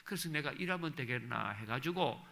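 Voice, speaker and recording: A man's voice: mid-range voice, animated, moderate pace, creaky, bright, forceful tone. A middle-aged male pastor preaching a sermon, telling stories with emphatic rising peaks.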